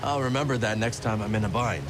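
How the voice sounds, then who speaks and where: Man playing a low-pitched, dry-humoured adventurer. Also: fast talker, heavy background noise, natural voice. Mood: friendly, curious. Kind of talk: video game character dialogue.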